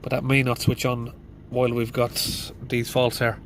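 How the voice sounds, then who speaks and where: A middle-aged man, a mechanic, casually walks through a diagnosis while thinking aloud in a van, plain and filler-heavy. His mid-range voice has a completely flat delivery at a moderate pace and is congested from hay fever. Slight background noise can be heard.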